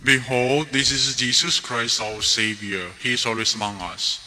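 Solemn priest intoning at Mass. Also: male voice, medium pitch, fairly even intonation, normal speed, sharp tone, a little hiss or hum. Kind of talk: liturgical speech at Mass. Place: large church. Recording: church hall reverb.

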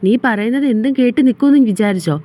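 A woman's voice: fairly high pitch, fast, mellow, natural voice. A woman voicing an angry young husband who turns remorseful, in a storybook reading with curt, scolding lines.

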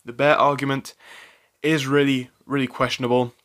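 A man hosts a stock commentary channel, talking in a mid-range voice at normal speed. He's chatty, animated, and opinionated, with frequent fillers and restarts as he corrects himself.

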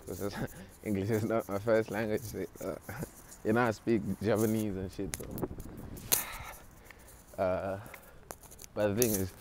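A young adult vlogger with a fairly low pitch jokes, brags and mocks himself in street slang during a casual selfie vlog. He walks outdoors through city streets and into a shop, speaking into a wired earphone mic with his phone held from below. The recording carries loud street noise from traffic.

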